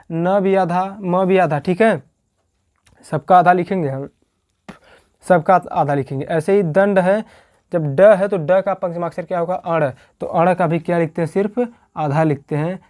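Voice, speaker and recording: A man's voice: high-pitched, a little mellow. A male teacher explaining a grammar lesson at a board. He keeps checking in with "theek hai", asks the class questions, answers them himself and repeats each point.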